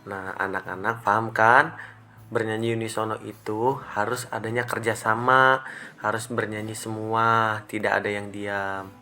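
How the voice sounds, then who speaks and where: Bright-voiced male teacher explaining singing. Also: fairly low pitch, little pitch movement. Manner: explains step by step, sings short example phrases slowly. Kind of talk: classroom lesson for children.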